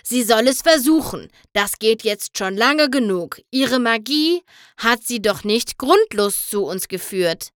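A woman reading a storybook aloud and voicing a wise old stallion pony who talks with gentle, sorrowful persuasion. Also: on the high side, lively intonation, a little slow, no echo, clean studio sound. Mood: firm.

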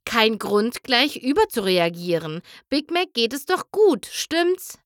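A woman's voice: a little high, very animated, takes it slowly, no room sound, studio quality. A woman reading aloud, voicing a kind country pony mare who speaks in a reassuring way. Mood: soothing.

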